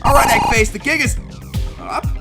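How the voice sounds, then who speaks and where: A man's voice: very high voice, moderate pace, vocal fry, music in the background. A man voicing a cocky, good-hearted young hedgehog hero in a cartoon fandub, casual, confident and breezy. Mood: urgent, confident. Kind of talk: cartoon comic fandub acting.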